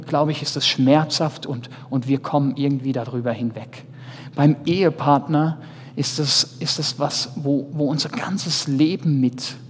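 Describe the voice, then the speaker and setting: A man in his thirties, a pastor, preaching a sermon earnestly, speaking straight to his listeners and shifting between loud and soft. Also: fairly high pitch, a little hiss or hum. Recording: reverberant hall, faint ambience.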